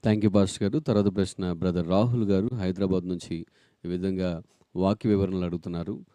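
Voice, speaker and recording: A man's voice: low-pitched, steady tone, brisk, warm tone. A man co-hosting a Bible Q&A program, politely reading out listener questions and verses in a formal way.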